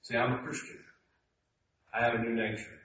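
A man preaching a sermon in a church, moving from hushed, slow passages to loud, high-pitched emphasis. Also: flat delivery. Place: church sanctuary. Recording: echoey hall, distant mic, dull sound, faint noise.

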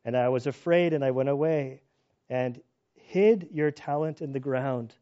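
A man's voice: mid-range voice, measured pace, highs cut off. A man preaching a sermon in a conversational way, mixing Scripture reading with stories and restarts. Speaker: pastor.

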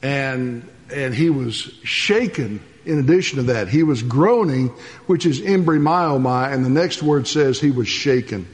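A man preaching a sermon, earnest, alternating between soft passages and rising emphasis. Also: medium pitch, lively intonation, unhurried, long reverb tail. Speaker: pastor.

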